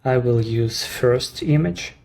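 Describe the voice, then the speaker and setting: A native Ukrainian speaker talks in English with a Ukrainian accent, his middle-pitched voice a bit creaky. He walks through a screen-recorded demo of his own software service step by step, calm and unhurried, now and then using a phrase a native speaker wouldn't.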